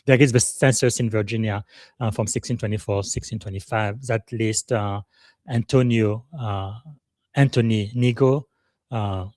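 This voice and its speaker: A man's voice: fairly low pitch, fairly even intonation, normal speed, darkish tone, dry recording, clean studio sound. A middle-aged man from Congo, hosting a live podcast in an earnest, emotional way, with many hesitant "uh" fillers. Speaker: podcast host.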